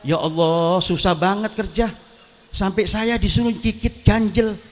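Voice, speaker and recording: A man's voice: high voice, measured pace. A man playing a put-upon Javanese truck helper who grumbles in a Javanese accent. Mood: grumbling. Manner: complaining, exasperated.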